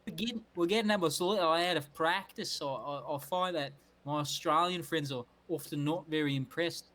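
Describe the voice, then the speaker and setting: A man's voice: fairly high pitch, normal speed, pushed and bright. A man guesting on a podcast, chatting casually and riffing playfully into silly bits. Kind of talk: casual comedic chat.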